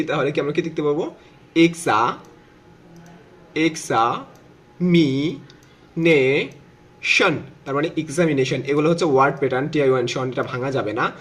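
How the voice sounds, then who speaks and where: Slightly high-voiced male teacher explaining. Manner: explains step by step, asks viewers questions, drawls words out syllable by syllable. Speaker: English teacher. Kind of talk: video lesson on syllables.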